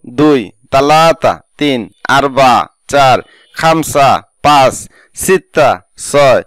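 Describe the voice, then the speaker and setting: Bangladeshi Bengali-accented male language teacher, smooth voice, dry close recording, slow drilled repetition. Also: medium pitch, dry recording. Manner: slow repetition of phrases with translations. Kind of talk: spoken language lesson.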